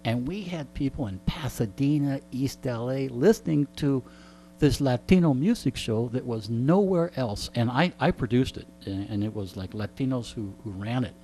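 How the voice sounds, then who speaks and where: A radio show host in his sixties is interviewed in a radio studio, telling stories in a mellow, relaxed, mid-range voice at a moderate pace. He chats with asides to listeners and often clears his throat, while a clear hum and background noise run beneath.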